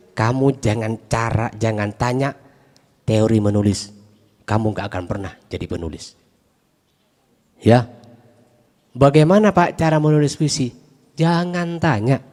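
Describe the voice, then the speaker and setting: A man's voice: medium pitch, a little mellow. A man giving a lecture-style talk at a literature discussion, emphatic and rhetorical, often repeating short phrases for effect. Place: campus hall. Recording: long hall reverb.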